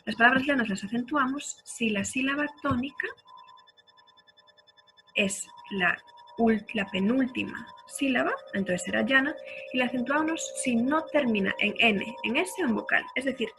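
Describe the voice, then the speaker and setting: Woman, teacher, children's lesson, higher voice, drawn-out example words, music behind. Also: rough recording. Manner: checks in with the listener often. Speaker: primary school teacher. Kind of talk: recorded grammar lesson.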